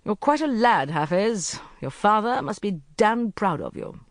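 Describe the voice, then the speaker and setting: A narrator voicing a bold young man who takes charge with quick, commanding instructions in an audiobook. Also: medium pitch, sing-song, dry recording, voice pushed up. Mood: warm. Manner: quick, commanding, grimly light. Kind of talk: audiobook character reading.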